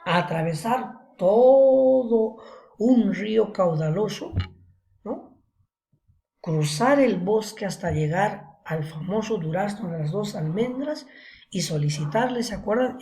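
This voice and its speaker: A woman's voice: medium pitch, animated, unhurried, darkish tone. A woman teaching an online literature class. She retells a story to her students and keeps checking in with them. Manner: checks in with students, frequent "¿no?" and "¿se acuerdan?" tags.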